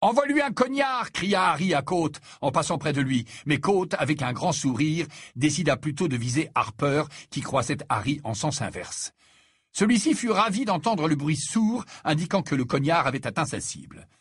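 A man narrating an audiobook and voicing the characters in an expressive way. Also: normal speed, husky, no echo, clean studio sound. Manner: expressive, raises pitch for dialogue.

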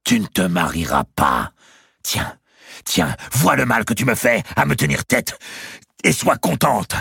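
A man voicing a tyrannical, gluttonous old countess who shouts and scolds her servant in a shrill voice. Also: big pitch swings, measured pace, creaky, husky, no echo, studio quality, exaggerated voice. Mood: angry.

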